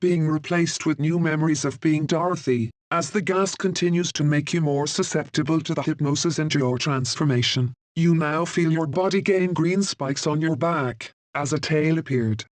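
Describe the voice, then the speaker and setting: A man's voice: fairly high pitch, moderate pace, few pauses, dry recording. Man narrating a second-person story.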